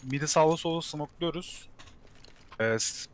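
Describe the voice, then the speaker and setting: A man calling tactics to his team in voice chat during an online shooter match, giving brisk, commanding orders. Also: fairly high pitch.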